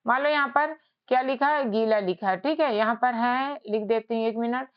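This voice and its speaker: High, clear-voiced woman teaching. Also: normal speed, highs cut off. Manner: patient, repeats each point with rhetorical questions. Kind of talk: whiteboard lesson.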